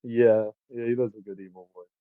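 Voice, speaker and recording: A man's voice: mid-range voice, steady tone, a little fast, no echo. A man co-hosting a podcast, chatting casually about a film and recapping its plot with the odd swear word. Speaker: podcast co-host. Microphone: faulty microphone. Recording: tinny phone-like mic.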